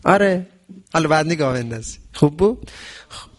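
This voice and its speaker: A man with a high voice gives a lesson on diet during fasting. He often asks questions as if he were the audience and then answers them himself. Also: lively intonation. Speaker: traditional medicine teacher. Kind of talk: religious health lesson.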